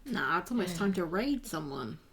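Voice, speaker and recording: A woman's voice: fairly low pitch, animated, normal speed, background noise. An Australian woman hosting a casual art stream, chatting in a joking, self-mocking way. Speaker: stream host.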